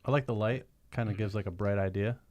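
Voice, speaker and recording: A man who reads the narrator's part of a horror comic and chats about it in a relaxed, quizzical way. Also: lowish voice, quick pace, highs cut off. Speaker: narrator reader. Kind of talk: casual comedic chat.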